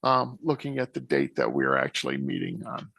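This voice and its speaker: A man's voice: a bass voice, big pitch swings, fairly quick, vocal fry, bright, forceful tone, breathy edge, no echo. A man serving as a township official, explaining plans at a meeting in a rambling way. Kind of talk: meeting discussion.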